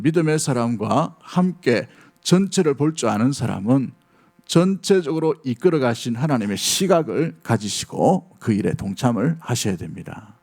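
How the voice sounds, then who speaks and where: A middle-aged man preaching a sermon to his congregation at a steady, middling pitch. He talks earnestly and in an everyday way, often turning to his listeners with questions. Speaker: pastor.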